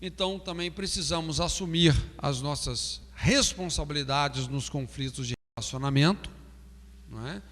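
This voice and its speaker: A man's voice: a little high, moderate pace, a bit bright, big-room sound. A Brazilian man teaching a pastoral counseling class, asking "não é?" often and acting out example phrases. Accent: Brazilian Portuguese. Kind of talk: classroom lecture.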